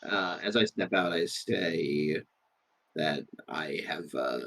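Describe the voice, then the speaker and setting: Halting, husky-voiced man. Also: low voice, fairly bright tone. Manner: halting, full of fillers. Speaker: player. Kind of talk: tabletop role-play chat.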